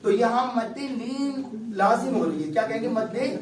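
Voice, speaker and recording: A man's voice: very high-pitched, lively intonation. A male recitation teacher giving a patient classroom lecture, explaining step by step and checking often that his students follow. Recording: echoey room, distant mic, faint background hum.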